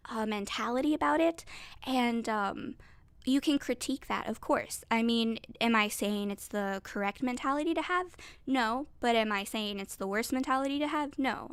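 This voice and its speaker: A woman with a stuffed-up, nasal voice from a cold, pitched a little high and coming through clean and smooth. She rambles through unscripted commentary, recorded dry and close with no room sound. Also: fairly bright tone, no room sound. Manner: rambling, conversational. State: sick with a cold. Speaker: online content creator.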